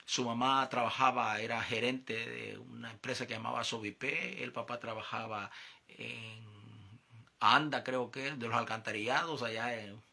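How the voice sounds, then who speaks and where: Guy telling his testimony like a sermon, bright gravelly voice, acts out the other people. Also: mid-range voice. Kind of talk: testimony and preaching.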